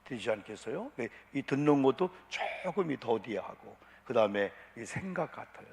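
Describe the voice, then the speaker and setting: A man's voice: mid-range voice, expressive, normal speed, gravelly, a little mellow. A man preaching a sermon as pastor, asking rhetorical questions with emphatic delivery. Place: church sanctuary. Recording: long church reverb.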